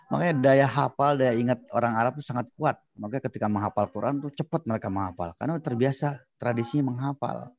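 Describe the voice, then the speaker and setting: A male religious teacher giving a lecture, telling a story with lively acted-out dialogue. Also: medium pitch, fast, lo-fi sound. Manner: animated storyteller acting out dialogue. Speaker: Islamic studies teacher.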